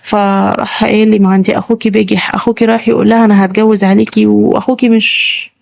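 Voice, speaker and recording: A woman's voice: mid-range voice, little pitch movement, very fast, creaky, no echo. A woman with an Egyptian Arabic accent, telling her own story in a plain conversational way with fillers. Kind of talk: first-person story narration.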